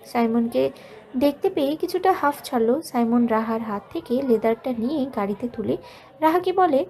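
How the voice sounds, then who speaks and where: A woman narrating an audio love story from a script, in a soft, measured and emotional way. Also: sits high, animated.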